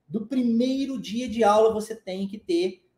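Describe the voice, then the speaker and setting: A man's voice: high-pitched, a little slow, darkish tone, echoey room. A man with a Brazilian Portuguese accent teaching an English lesson, explaining emphatically and often checking in with the listener. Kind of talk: online language lesson.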